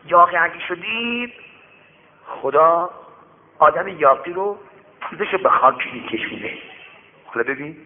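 A man preaching through a moral story, speaking lively and turning to warn his listeners directly. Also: on the high side, long pauses, a little hiss or hum. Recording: tinny radio broadcast with long reverb.

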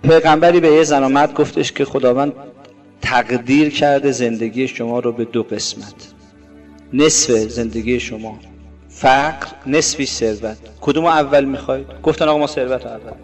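A man delivering a religious sermon at a middle pitch. He surges loud and high on key points, then drops to a hushed, low voice, and stretches out his Arabic quotations. Faint music sits under his voice. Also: fairly even intonation. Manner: swings from loud emphatic rises to soft low asides. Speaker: preacher.

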